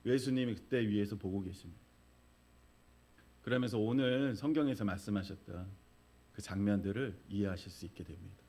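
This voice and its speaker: A man's voice: lowish voice, a little fast, dark tone. A middle-aged male pastor preaching a sermon, telling a vivid story and acting out the crowd's cries.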